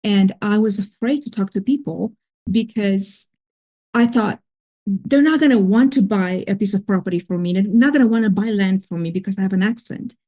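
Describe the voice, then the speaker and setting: A woman with a foreign accent, who grew up in another country, appears as a guest on a podcast and tells her own story in casual interview talk. She is earnest and reflective, with a warm, mid-range voice at a normal speed.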